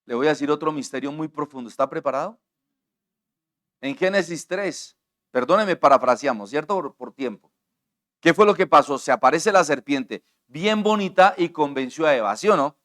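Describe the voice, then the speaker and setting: A man preaches from a church altar in a slightly high voice. He moves from soft near-whispers to fervent shouts and keeps questioning the congregation. It is a sermon delivered with full passion. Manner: impassioned, swings from hushed to shouting; asks the congregation frequent questions. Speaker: pastor.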